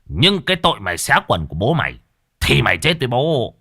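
A man's voice: mid-range voice, wildly swooping pitch, fast, gravelly, sharp tone, husky, pitched above the performer's own voice, full character voice. A man voicing a coarse, hot-headed male exorcist apprentice who talks brashly in a ghost story. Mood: angry. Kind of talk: audio ghost story narration.

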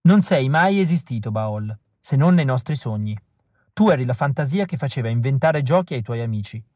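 A wistful, resolute rebel woman speaks softly and earnestly, her tone lifted a little above an ordinary man's speech, as a male audiobook reader puts her on. She sounds tender. The recording is dry and close, with no room around it. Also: medium pitch, expressive, normal speed, dry recording, natural voice. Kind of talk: audiobook reading.

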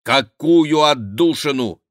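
A man's voice: fairly high pitch, expressive, slow, a bit bright, dry recording, clean studio sound, pitched above the performer's own voice. A man voicing an impatient, demanding thin male jester who questions sharply in an audiobook.

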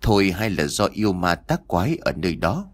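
A man reads an audiobook story with a dramatic, expressive delivery. His voice sits low, and his pitch swings widely and lively. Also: a little fast. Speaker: narrator.

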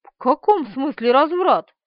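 A woman's voice: high voice, expressive, measured pace, no room sound. A woman voicing a haughty, emphatic young woman in an audiobook. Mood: indignant. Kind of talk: audiobook character voice. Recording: slightly dull, dry.

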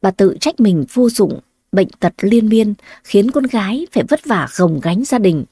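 A woman narrating a scripted story in an even storytelling manner. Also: medium pitch, a little slow, breathy edge, no room sound.

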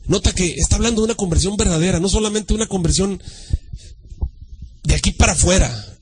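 A male pastor preaching a sermon, dramatic, swinging from shouts to a hushed voice and mimicking churchgoers. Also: high-pitched, a little fast, a little hiss or hum, poor audio.

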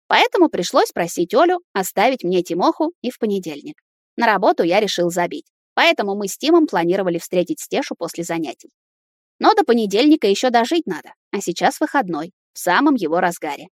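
A woman's voice: mid-range voice, dry recording. Woman narrating a novel, dry close sound. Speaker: audiobook reader. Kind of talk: first-person novel narration.

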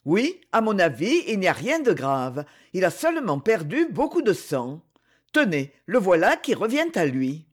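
A calm older man, plain and matter-of-fact in his reassurance, as a male reader voices him. He is an audiobook character with a lively, fairly high voice. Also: unhurried, heavily acted.

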